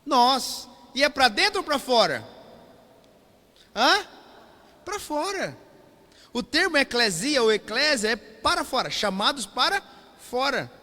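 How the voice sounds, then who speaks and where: A man's voice: very high-pitched, big pitch swings, slow pace, pauses often, pushed and bright, long reverb tail. A Brazilian man preaching a sermon as pastor, calling out to the congregation and asking "Amém?" again and again. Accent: Brazilian Portuguese. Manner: call-and-response preaching, repeated "Amém?". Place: church hall.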